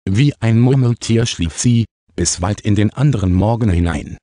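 A man narrating a children's audiobook in a calm storytelling manner. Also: lowish voice, normal speed, dry recording. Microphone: close studio mic, dry.

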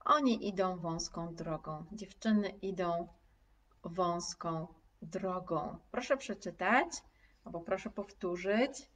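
A woman teaching a live online lesson, speaking slowly and clearly, repeating each word for her students and reading their comments aloud. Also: medium pitch, a bit bright, recorded from a distance, a little hiss or hum. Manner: slow, carefully articulated, repeating words for students. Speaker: language teacher.

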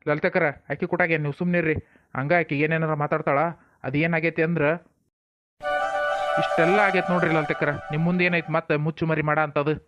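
Fast high man playing an irked village husband. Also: little pitch movement, a bit bright, soft background music, close to an everyday voice. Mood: stern. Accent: North Karnataka Kannada. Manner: scolding, curt rustic talk. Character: irritated village husband, stern and fed up. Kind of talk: comic village family drama.

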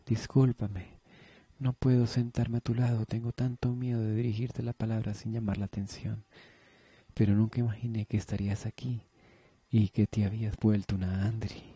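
A man's voice: lowish voice, flat delivery, normal speed, warm tone, husky, no echo. A man voicing a timid, shy teenage girl in a storybook reading, speaking hesitantly and apologetically. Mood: anxious.

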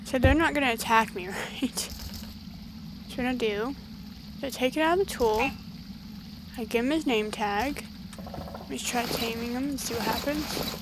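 Woman gaming host, bright and chatty, higher voice, unhurried delivery, excitable commentary. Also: background noise. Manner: chatty, excitable, talks to the game creatures. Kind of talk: casual gameplay commentary.

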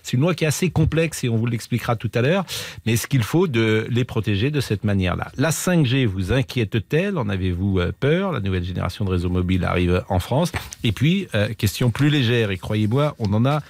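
A man's voice: mid-range voice, lively intonation, fairly quick, darkish tone, no room sound. An older man hosting a radio phone-in, talking conversationally and putting questions to listeners and colleagues from a studio microphone. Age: 50s or older. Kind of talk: unscripted studio chat and topic teasing. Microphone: close studio microphone.

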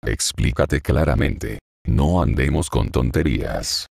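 A man's voice: a bass voice, slow pace, creaky, dry recording, studio quality, exaggerated voice. A man reading an impatient, scornful young girl. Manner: sharp, scolding. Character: proud, impatient teenage girl.

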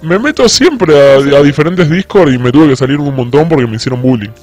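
A young man, talking through a deep voice changer and flatly insisting it is his real voice. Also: a little fast, soft background music. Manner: insists flatly, mock-innocent. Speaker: streamer pranking a voice chat. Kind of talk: deadpan prank on a voice call.

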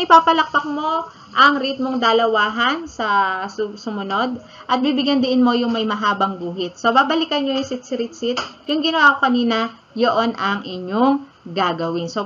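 A woman's voice: medium pitch, sharp tone. A woman from the Philippines teaching an online music lesson, counting beats aloud and singing short lines of a song. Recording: slightly dull audio with faint ambience.

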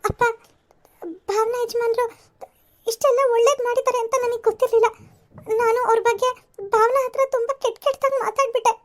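A regretful young sister from a cartoon serial, voiced by a woman, with a very high voice. She rambles in a fretful way. The sound is dry and close. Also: fairly quick, pauses often, no echo.

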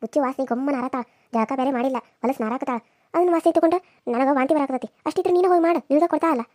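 Woman voicing a scornful young village woman, sneering, high-pitched, quick. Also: a little mellow, no echo, clean studio sound, natural voice. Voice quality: sneering and complaining. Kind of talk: cartoon serial voice acting.

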